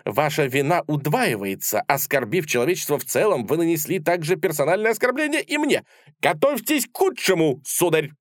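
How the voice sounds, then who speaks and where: A man's voice: on the high side, big pitch swings, fairly quick, dry recording, clean studio sound, voice pushed up. A man voicing a tiny, pompous male duelist who lectures in grand, formal declarations. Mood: stern.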